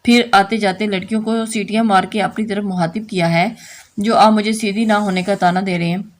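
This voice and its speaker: Young wife in an audio novel, fond but snappish, read by a woman narrator; mid-pitched. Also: steady tone, fairly quick, lightly acted. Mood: irritated. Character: young wife, affectionate but quick-tempered.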